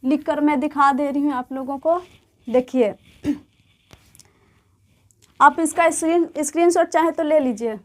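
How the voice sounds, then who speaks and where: A woman teaching beginners to read and write, explaining patiently and repeating each word and letter slowly. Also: high voice, darkish tone. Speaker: Urdu teacher. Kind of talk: slow explanatory lesson.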